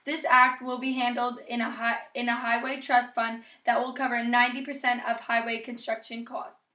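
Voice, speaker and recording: A young woman anchors a scripted student newscast in 1950s style, her fairly high voice bright and forward-edged. She delivers it in a rehearsed, presentational way, flat and at a moderate pace.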